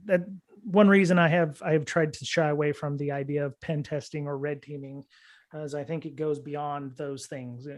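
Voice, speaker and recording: A man's voice: on the high side, darkish tone. A man hosting a security podcast, talking casually and rambling with many fillers and restarts. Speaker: podcast host.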